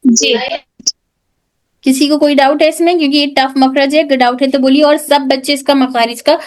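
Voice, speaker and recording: Brief: female tajweed teacher, high voice, patient drilling of sounds. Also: fairly even intonation, a little mellow. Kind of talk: online class lesson.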